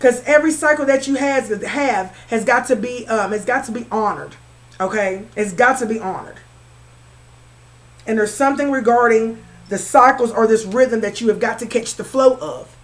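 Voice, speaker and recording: Woman, high-pitched tarot reader; chatty, repetitive, keeps checking in with viewers. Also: moderate pace. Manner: bursts into laughter at herself. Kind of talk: spiritual tarot reading to camera.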